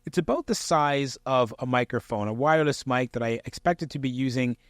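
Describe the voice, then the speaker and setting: A man giving instructional tips straight to the listener in a clear, projected presenter's delivery, conversational yet emphatic and encouraging. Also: mid-range voice, animated, fairly quick, no room sound, clean studio sound. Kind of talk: conversational instructional talk to camera.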